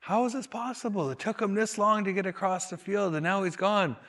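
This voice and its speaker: A man storyteller voicing a teenage boy in a dream who calls out in a high, strained shout. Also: brisk. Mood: astonished.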